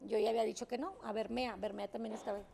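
Woman, talk show guest: high voice with gravel, blunt and emphatic, casual swearing. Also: fairly even intonation, very fast, dark tone, a little hiss or hum. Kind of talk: candid interview storytelling.

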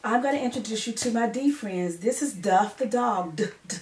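A woman's voice: fairly high pitch, expressive, normal speed. A middle-aged woman teaching a children's lesson to camera, speaking in simple, repeated phrases as a preschool teacher. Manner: simple, repetitive phrasing addressed to young children. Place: living room or study at home. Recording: roomy, distant mic, faint noise.

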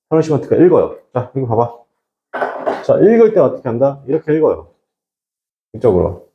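A middle-aged man teaching an English reading class to high school students, often asking rhetorical questions. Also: highs cut off, slight background noise. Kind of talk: classroom lecture.

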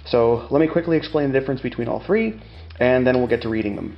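A man's voice: mid-range voice, quick pace, dull audio, soft background music. A middle-aged man explaining step by step like a plain-spoken machinist, in a casual hands-on tutorial. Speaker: tutorial host demonstrating measuring tools.

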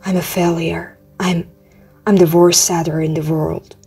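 A woman voicing a young male satyr who is anxious and guilty, speaking softly and sniffling apologetically. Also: fairly low pitch, fairly even intonation, unhurried, slightly rough, faint music behind.

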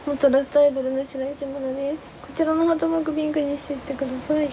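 A hoarse young woman chatting casually on a live stream, bubbly and playful as she thanks viewers for gifts. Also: high voice, flat delivery, background noise. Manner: playful exclamations and cute drawn-out reactions. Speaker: live streamer, former idol.

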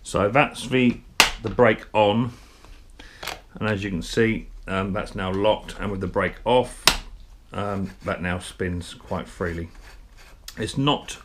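Filming with a head-mounted camera, this small engine repair video host talks casually through a chainsaw brake job in his shop. He speaks slowly in a lowish voice, chatting, poking fun at himself and thinking out loud. Tool clicks and background noise come through clearly.

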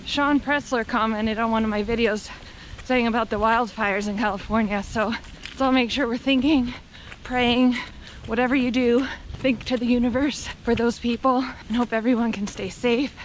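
A woman's voice: on the high side, fairly even intonation, normal speed. An American woman in her thirties chatting casually to camera while running outdoors, with a wry, sarcastic, sweary manner, recorded on a handheld camera in the wind. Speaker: vlogger. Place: outdoors on a windy country road. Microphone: handheld camera at arm's length. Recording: windy, noisy outdoor action-camera audio.

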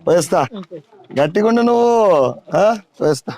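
A man's voice: high-pitched, animated, fairly quick, a little mellow. A man, going door to door in a village and urging people in a familiar, coaxing way to vote. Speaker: campaigning politician. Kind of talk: door-to-door canvassing chat. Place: outdoors in a village street.

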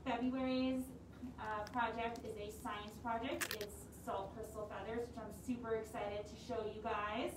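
Wearing a face mask that slightly muffles her, a young adult woman runs a preschool storytime with songs and read-alouds, speaking at a fairly high pitch and normal speed. She gives little kids animated, simple directions in a library room with big windows, recorded roomily by a camera several metres off with clear background noise.

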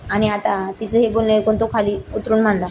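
A woman telling a romantic story as narrator in a steady, intimate way. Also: mid-range voice, brisk, background noise.

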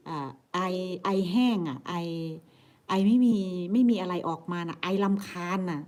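A woman's voice: fairly low pitch, expressive, a little slow, a little mellow. A middle-aged woman, chatting casually on a livestream and laughing often. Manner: chatty, laughs often, bits of northeastern Thai dialect. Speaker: vlogger chatting with viewers on a livestream. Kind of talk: casual live chat reading viewer comments.

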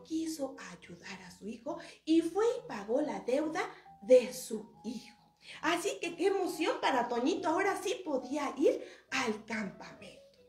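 A woman, a children's church teacher, telling a story in an animated way and asking the children questions. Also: fairly high pitch. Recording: roomy with faint music.

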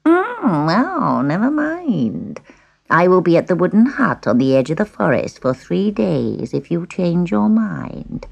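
A woman doing a croaking, cackling old witch. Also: fairly low pitch, sing-song, unhurried, darkish tone, heavily acted. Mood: sly.

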